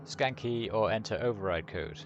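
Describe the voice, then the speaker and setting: A man voicing a malfunctioning robotic security computer in a stiff, loud, mechanical voice. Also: fairly low pitch, moderate pace, highs cut off, over music, close to an everyday voice. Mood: glitching, mechanical. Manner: reads machine text in a stiff, raised, loud robotic voice. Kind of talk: streamer reading game lines in a put-on voice.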